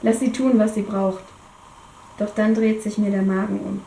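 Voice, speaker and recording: A woman's voice: medium pitch, little pitch movement, normal speed, creaky, reverberant, a little hiss or hum, low-quality recording. Woman with a cold reading her novel aloud. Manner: reads dramatically, drops to a hush in tense moments. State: has a cold. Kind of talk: first-person novel reading.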